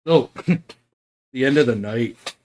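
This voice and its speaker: A man's voice: mid-range voice, takes it slowly, darkish tone, a little hiss or hum. A young man streaming while he paints, telling stories in a laid-back way with swearing and chuckles. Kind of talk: casual chat while hobby painting.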